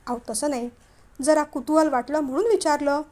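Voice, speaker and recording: Brief: woman playing a nosy storybook wife, eager questions, high voice. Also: normal speed, a little mellow, lightly acted. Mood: curious. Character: curious chatty young wife.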